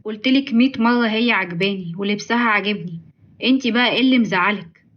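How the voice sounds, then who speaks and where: A woman voicing a gentle, weary grown son pleading with his mother, with an Egyptian accent. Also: medium pitch, fast, highs cut off, close to an everyday voice. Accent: Egyptian Arabic.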